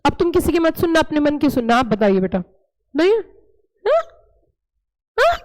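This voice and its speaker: A woman teaching a class, playful and lively, quizzing students with repeated questions. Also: high voice, moderate pace, low-quality recording. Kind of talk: classroom lecture.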